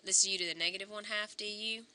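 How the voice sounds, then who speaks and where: A woman teaching a calculus lesson, slightly hoarse and clearing her throat, talking through each step aloud and correcting herself as she goes. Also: medium pitch, steady tone, fast talker, pushed and bright, slight background noise. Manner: talks through steps aloud, self-correcting. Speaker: math teacher.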